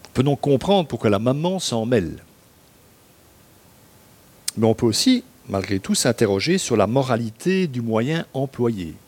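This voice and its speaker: A man at a middle male pitch reads a Bible passage aloud. He keeps stopping for loose, wry asides to his listeners, thinking out loud in an informal way. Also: very animated, unhurried, long pauses, husky. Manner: chatty asides full of "hein", wry and informal. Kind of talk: bible reading with casual commentary.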